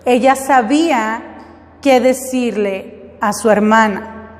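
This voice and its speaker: A woman's voice: a little high, takes it slowly, long reverb tail. A woman teaching English, explaining step by step and often checking that her students follow. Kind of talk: classroom lesson.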